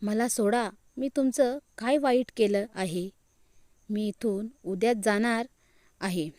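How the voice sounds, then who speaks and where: A woman's voice: medium pitch, slow, a little mellow, no room sound, clean studio sound, natural voice. A woman voicing a young woman who pleads for her life in a story. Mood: pleading.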